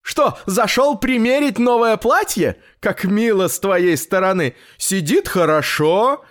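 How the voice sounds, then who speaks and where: Guy voicing a fussy chatty tailor in a storybook, high voice, all over the place. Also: unhurried. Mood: excitable, chatty. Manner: excitable, rambling, high-pitched chatter.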